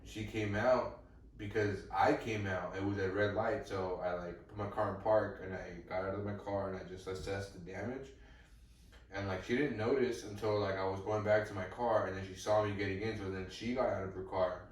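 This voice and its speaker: A young man co-hosting a comedy podcast, rambling through deadpan, absurd improvised stories. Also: lowish voice, brisk. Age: young adult. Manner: deadpan rambling storyteller, escalating absurd bits. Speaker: podcast co-host. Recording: echoey room, distant mic.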